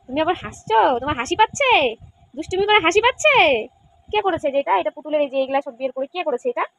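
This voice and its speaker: A woman's voice: sits high, animated, rapid-fire, vocal fry, slight background noise. A woman playing with a small child, using coaxing, sing-song baby talk full of questions. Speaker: caregiver playing with a toddler.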